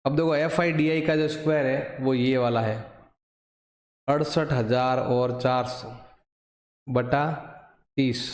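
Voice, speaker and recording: Hindi-accent guy teaching math at the board, asks himself stuff then answers, medium voice, kinda distant from the mic. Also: mid-range voice. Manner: explains step by step, asks and answers his own questions. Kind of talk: whiteboard math lesson. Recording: echoey room, voice drifting from the mic.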